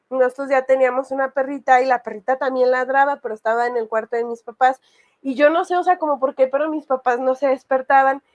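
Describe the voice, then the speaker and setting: A woman casually telling a personal horror story, rambling with many fillers. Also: high-pitched. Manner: rambling, full of fillers and restarts.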